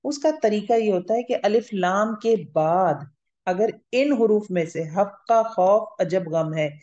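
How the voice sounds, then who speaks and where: In a classroom grammar lecture, a woman speaks in a warm, mellow mid-range voice, taking things patiently one step at a time. She frequently checks that the class understands, and the audio sounds roomy, a bit dull and lo-fi.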